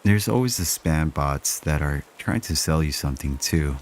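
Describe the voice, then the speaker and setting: A man tells first-person horror stories in an extremely deep voice. His delivery is slow, measured and hushed. Faint rain falls in the background. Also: animated, slight background noise. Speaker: horror story narrator.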